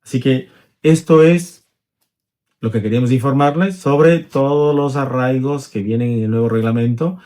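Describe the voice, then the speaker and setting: A man's voice: mid-range voice, moderate pace, warm tone. A middle-aged man, an immigration lawyer, explaining rules conversationally, walking through hypothetical examples and checking in with tag questions.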